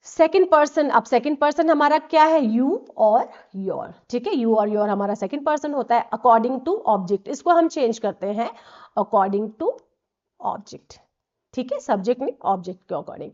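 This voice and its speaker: A woman teaches English grammar in a patient, explanatory way and keeps checking that the students are following. Her voice sits a little high. The recording sounds dull and lo-fi. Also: expressive, measured pace, dark tone. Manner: patient, repeats checks like "right?"; mixes Hindi with English terms. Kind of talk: explanatory lesson.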